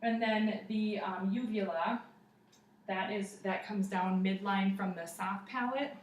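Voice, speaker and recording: A woman's voice: mid-range voice, fairly even intonation, measured pace. A young adult woman giving a step-by-step spoken demonstration of a clinical exam, narrating each finding as a student would. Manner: procedural, step-by-step narration to a patient and observer. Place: living room, indoors. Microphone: camera across the room. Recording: roomy, distant camera mic, faint noise.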